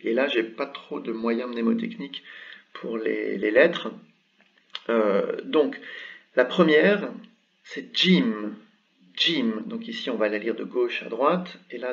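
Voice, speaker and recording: Man, mid-pitched, patient teacher walking through a lesson with lots of "euh", slightly dull lo-fi sound. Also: slow pace, creaky, fairly bright tone, distant mic. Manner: patient, explains step by step with many fillers. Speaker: Arabic script teacher. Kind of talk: online language lesson.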